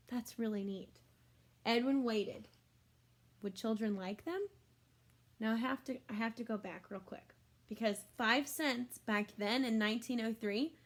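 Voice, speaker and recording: Bright and forceful, this high-pitched woman reads a children's story in a teacherly way. She exclaims often and drops in easy explanatory asides for the kids listening.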